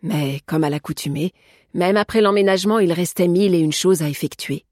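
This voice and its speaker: A woman with a somewhat low, husky voice reads a novel aloud in a measured, even way. The recording is dry and close with no room sound. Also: no echo. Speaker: audiobook narrator. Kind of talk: scripted narration.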